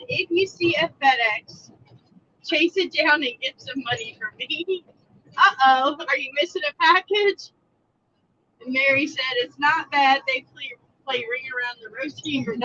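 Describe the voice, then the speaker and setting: Bubbly high-voiced woman. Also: lo-fi sound, a little hiss or hum. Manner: chatty, laughs often, animated storytelling. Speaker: co-host of a trucking live stream. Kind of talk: casual live-stream chat reading comments. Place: inside a truck cab on the road.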